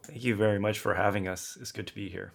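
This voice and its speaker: A man from Southern California, a theologian answering interview questions in a measured way with frequent fillers. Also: lowish voice, fairly even intonation, gravelly. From Southern California, USA. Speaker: guest author, theologian. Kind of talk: podcast interview.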